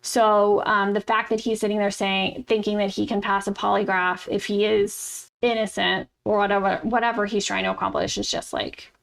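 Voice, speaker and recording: Gravelly-voiced woman telling true crime. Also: medium pitch, level tone, normal speed, hardly any pauses, fairly bright tone. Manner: blunt, casual, swears freely. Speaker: podcast co-host. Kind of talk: true crime podcast narration and chat.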